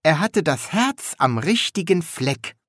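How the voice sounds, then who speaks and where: A bright, high-pitched young apprentice lad, eager and chatty, full of naive questions. The voice leaps well above a normal man's speaking pitch and bounces with lively swings. It sounds keen and talkative. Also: slow pace, no room sound, clean studio sound, heavily acted.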